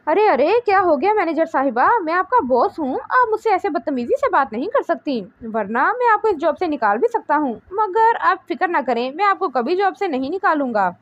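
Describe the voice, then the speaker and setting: A woman's voice: extremely high pitch, sing-song, moderate pace, hardly any pauses, dry recording, muffled recording. Woman reading as a smug flirtatious boss. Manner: teasing, mocking.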